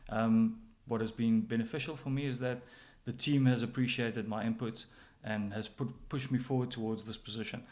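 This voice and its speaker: A man's voice: mid-range voice, steady tone, normal speed, hardly any pauses, darkish tone. A middle-aged man with a South African accent, giving casual interview answers as a general manager.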